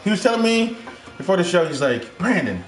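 A man's voice: high voice, very animated, fairly quick. Upbeat man hosting a kitchen cooking show. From Ohio. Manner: upbeat, chatty, addresses viewers as guys. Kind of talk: casual cooking demo. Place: home kitchen, indoors. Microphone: far camera. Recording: echoey kitchen with music behind.

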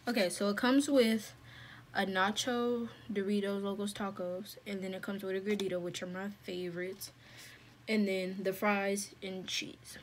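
A woman's voice: mid-range voice, level tone, normal speed. Chatty woman eating on camera. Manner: chatty, talks while eating with mouth full. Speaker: food vlogger. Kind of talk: casual mukbang chat. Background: faint fan hum.

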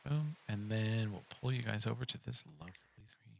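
Male game master, lower register, casual narration and rules talk for a tabletop session. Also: fairly quick, creaky, slight background noise.

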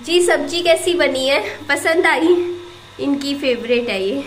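A woman's voice: sits high, slow, faint music behind. A young woman vlogging at home as a mother, chatting to viewers and coaxing and scolding her child. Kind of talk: casual home vlog chat.

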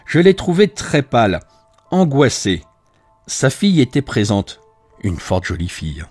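A man's voice: medium pitch, big pitch swings, measured pace, darkish tone, breathy edge, dry recording, faint music behind. A man voicing a proud, boastful police detective recounting his inquiry. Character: confident male police detective, middle-aged, boastful.

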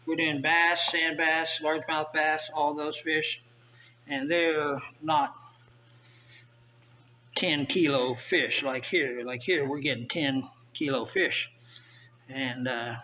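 A man's voice: fairly high pitch, slow, pauses often, a little hiss or hum, low-quality recording. An older man from the South, chatting casually as he fillets fish at a tiled kitchen counter, recorded on the camera mic. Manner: relaxed, chatty, thinking aloud while filleting fish. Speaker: vlogger. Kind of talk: casual how-to narration.

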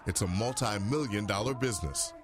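A man reporting a news story in a measured, scripted narration style. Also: fairly low pitch. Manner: measured, even reporting delivery.

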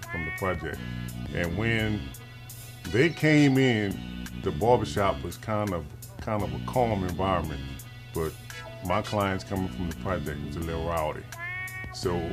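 Barber from New Orleans, forties, very low voice, laid-back storyteller, music bed behind. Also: male voice, normal speed. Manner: relaxed storytelling, casual slang. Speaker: barber and shop owner. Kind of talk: documentary interview. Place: barbershop, indoors.

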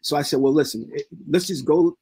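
A soft-spoken man who calls himself meek, telling an anecdote in casual discussion. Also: a little high, a little fast, breathy edge.

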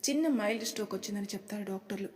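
A woman narrating an audio story in a steady, dramatic way. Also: mid-range voice, racing, in a large hall.

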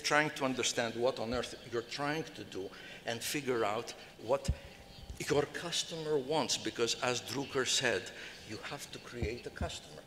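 Brief: older male panelist, bright tense tone, halting with fillers, reverberant conference hall. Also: medium pitch. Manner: rambling, many fillers and restarts. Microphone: table microphone. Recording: reverberant hall, faint noise.

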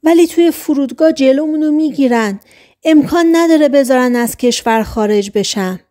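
A woman reading the part of a bitter, sardonic middle-aged man on the run in an audiobook, in quick, wry, exasperated lines. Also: high voice, mellow, pitched above the performer's own voice, natural voice.

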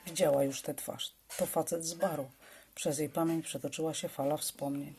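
Woman reading a story aloud, low gravelly voice, little pauses here and there. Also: steady tone, mellow, slight background noise.

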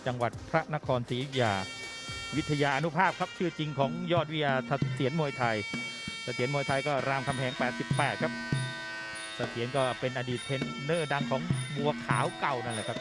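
A man's voice: medium pitch, steady tone, fairly quick. A man giving conversational boxing commentary as a television co-commentator. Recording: loud music behind the voice. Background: loud music.

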